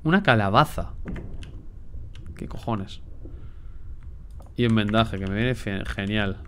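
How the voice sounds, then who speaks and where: Swearing, excitable gameplay streamer man. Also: lowish voice, slow, a little hiss or hum. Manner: excitable, swears a lot, talks to himself. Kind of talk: casual gameplay commentary.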